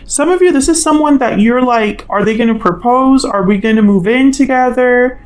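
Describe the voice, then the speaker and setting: Hosting her channel, a woman gives an informal tarot reading, musing and thinking aloud tentatively. Her voice is a little high and her pace normal.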